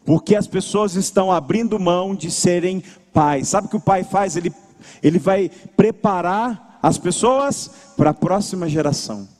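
A young man preaching a sermon in Brazilian Portuguese, with lively storytelling in which he acts out what people say. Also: high voice, moderate pace, in a large hall. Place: church.

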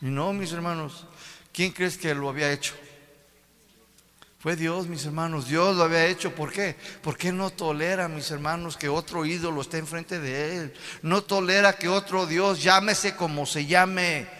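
A man preaching an animated sermon, putting questions to his congregation again and again. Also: a little high, moderate pace. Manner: animated, repeats "my brothers", asks the congregation questions. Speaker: pastor. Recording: long hall reverb.

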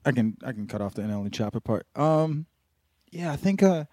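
A man's voice: medium pitch, animated, brisk, darkish tone, no echo, studio quality. A man co-hosting a podcast in casual chat, laid-back and filling gaps with "you know" and "um". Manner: laid-back, filler-heavy. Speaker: podcast co-host.

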